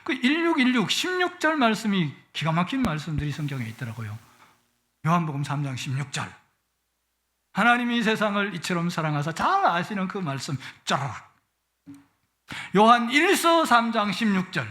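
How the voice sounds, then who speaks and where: A man's voice: high voice, big pitch swings, normal speed, bright, forceful tone. A middle-aged man preaching a Sunday sermon in a church, with a playful manner that swells with emotion. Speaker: guest pastor. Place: church sanctuary.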